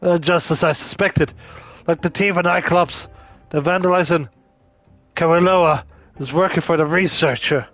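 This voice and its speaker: A man's voice: on the high side, fairly even intonation, moderate pace, fairly bright tone, no echo, soft background music, lightly acted. A man voicing a fussy, self-assured male investigator from a game, in a put-on accent with stilted formal delivery. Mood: self-satisfied.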